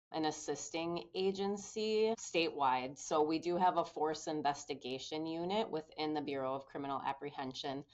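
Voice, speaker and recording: A woman from Minnesota, a public safety communications official, speaking candidly and briskly as an interview guest. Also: low-pitched, lo-fi sound. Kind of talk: conversational interview.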